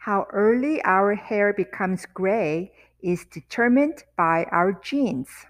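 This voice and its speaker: A woman teaching vocabulary, saying each word slowly and deliberately, repeating words and sentences one piece at a time. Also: mid-range voice. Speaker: language teacher. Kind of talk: vocabulary lesson with repetition.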